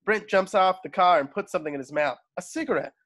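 A man whose voice sits high and sounds a bit bright reads fast. He gives expressive narration of stage directions at a screenplay table read, held over a video call from indoors at home and picked up by its microphone.

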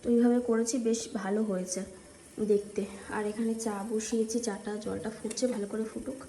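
Woman, Bengali accent, hushed vlog chat, rapid talk, echoey kitchen, faint background noise. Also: a little high, fairly even intonation. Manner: speaking softly so as not to wake the household. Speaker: vlogger. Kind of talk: casual daily vlog. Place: home kitchen.

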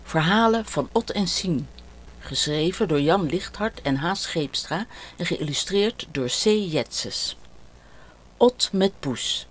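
An older woman reading a children's story aloud in a slow, clear and expressive way. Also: fairly low pitch.

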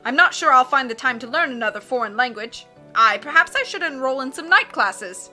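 A woman voicing a blustering, excitable male submarine captain from a storybook, roaring and constantly changing his mind. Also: high voice, faint music behind, heavily acted. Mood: boastful, loud. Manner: roaring, self-contradicting, rapid changes of mind.

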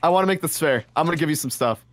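A man teasing a friend during an online game in a deadpan, mocking way. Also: on the high side, racing. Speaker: gaming friend. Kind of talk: teasing gameplay chat.

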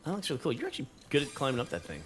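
A curious, playful dad talks through a video game with his son, asking questions and cheering him on. His voice sits at an ordinary middle pitch for a man, relaxed and conversational. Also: very fast, background noise. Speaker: dad co-hosting a kids' gameplay show. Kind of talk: casual gameplay chat with his son.

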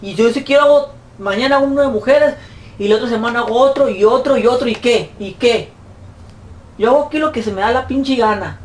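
Foul-mouthed Mexican man ranting, echoey room. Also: a little fast. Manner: profane, mocking, shrill put-on voices when quoting. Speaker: YouTuber answering fan questions. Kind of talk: crude comic rant. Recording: roomy echo, distant mic, faint noise.

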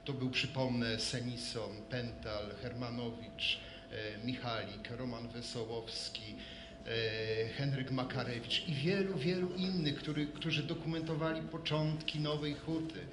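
A man's voice: medium pitch, steady tone, a little slow. A middle-aged or older man giving a reflective, storytelling acceptance speech. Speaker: award laureate, photographer. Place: hall at a public ceremony. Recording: echoey hall with clear noise.

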